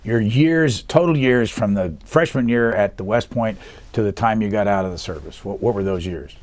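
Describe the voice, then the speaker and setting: A man's voice: lowish voice, moderate pace, darkish tone. A man hosting a long-form interview, asking plain, direct questions. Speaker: interview host.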